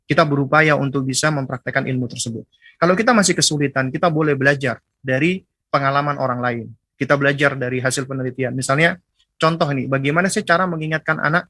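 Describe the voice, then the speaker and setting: A man giving a religious lecture on parenting as a preacher. He talks in a measured way, tags phrases with "ya" and repeats points for emphasis. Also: medium pitch, sharp tone, no room sound. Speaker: Islamic preacher.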